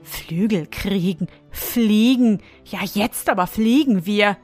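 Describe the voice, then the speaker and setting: A woman voicing a haughty, easily offended male dung beetle in a storybook tale, quick and indignant. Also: medium pitch. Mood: boastful. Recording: faint music behind.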